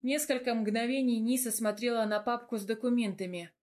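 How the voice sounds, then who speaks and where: A woman narrating a first-person audiobook in an even, measured storytelling voice. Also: fairly high pitch.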